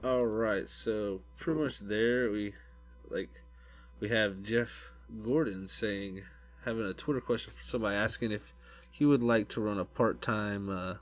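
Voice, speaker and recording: A man with a lowish voice hosts a casual motorsport chat. He rambles and restarts his sentences often as he talks. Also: steady tone, a little slow, soft background music. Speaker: podcast host.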